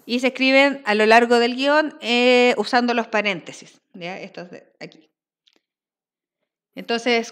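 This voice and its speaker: A woman's voice: mid-range voice, fairly bright tone, clean tone. A woman teacher giving a recorded language lesson, explaining step by step and often checking in with her students.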